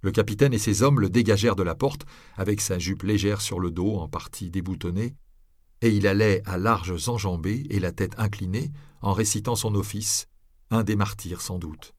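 Low-voiced male audiobook narrator. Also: normal speed, no echo, clean studio sound.

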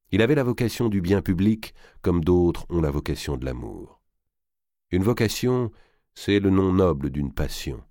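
Deep, dark-voiced male narrator. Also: no echo, clean studio sound. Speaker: audiobook reader. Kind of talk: scripted literary narration.

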